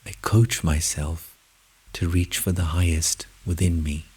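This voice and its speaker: Flat in delivery but warm in tone, a man's very low, extremely breathy, husky voice leads a guided meditation. Each short phrase comes slowly and deliberately, separated by long pauses.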